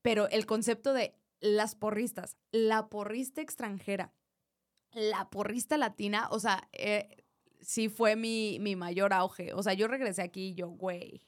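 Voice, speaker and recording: A young Mexican woman with a Mexican accent, co-hosting a casual chat, animated and laughing often. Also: mid-range voice, unhurried. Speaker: podcast co-host.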